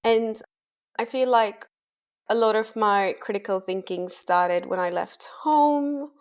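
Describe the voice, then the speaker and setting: A woman's voice: medium pitch, takes it slowly, smooth. A young woman from Tanzania, a guest in an interview, speaking in a casual conversational way with lots of "like" and "kind of". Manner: conversational, frequent fillers like "like" and "kind of". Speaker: guest, women's rights advocate.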